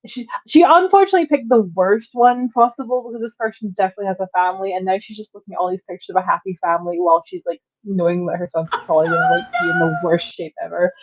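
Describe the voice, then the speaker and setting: A woman playing in a tabletop game, telling her character's actions in an animated way with swearing. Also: mid-range voice, fast, few pauses, muffled recording. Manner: animated, swearing, laughing storyteller. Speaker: player.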